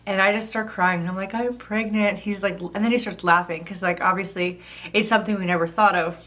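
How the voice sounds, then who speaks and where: A woman's voice: on the low side, steady tone, fast, bright, forceful tone. Chatty thirty-year-old woman vlogging. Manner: chatty, fillers of "like" throughout. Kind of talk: casual personal storytelling.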